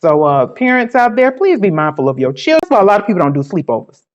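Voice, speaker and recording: With a lowish, sing-song voice, quick pace and darkish tone, a New York-accented woman hosts a casual talk show of opinion chat. She is blunt, gossipy and profane, and the audio has a dull lo-fi quality.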